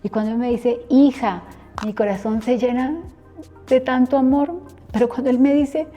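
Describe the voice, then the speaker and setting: A woman's voice: a little high, steady tone, moderate pace, dark tone, dull audio, soft background music. A middle-aged woman, a preacher earnestly telling her personal testimony and acting out remembered conversations.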